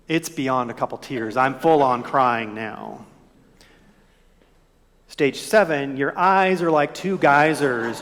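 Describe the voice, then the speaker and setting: A male pastor preaching a sermon in a church, expressive, at times dropping his voice almost to a whisper. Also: a little high. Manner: expressive preaching, drops to near whisper at moments. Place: church sanctuary. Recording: echoey church hall.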